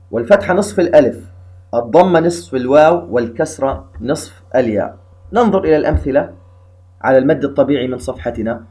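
A man teaching a tajweed lesson, calmly explaining rules and slowly drawing out recited examples. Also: mid-range voice, dull audio. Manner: calm explanatory, slow drawn-out recitation of examples.

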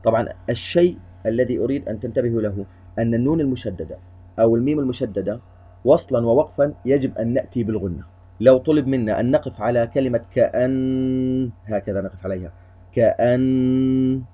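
A man's voice: mid-range voice, fast talker, mellow, slightly rough. A man giving a tajweed lesson, explaining recitation rules methodically and point by point. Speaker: Quran recitation teacher. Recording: dull lo-fi recording.

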